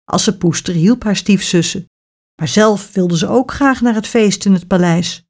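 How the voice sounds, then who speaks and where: Woman, storyteller, children's fairy tale, expressive, middle pitch. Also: moderate pace.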